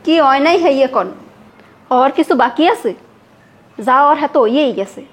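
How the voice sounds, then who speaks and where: A woman's voice: high voice, expressive, moderate pace. A woman playing a scolding young wife. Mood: reproachful. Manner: scolding, argumentative. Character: young wife, scolding, defends then confronts her father. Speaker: young wife, daughter of the house. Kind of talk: village comedy drama acting.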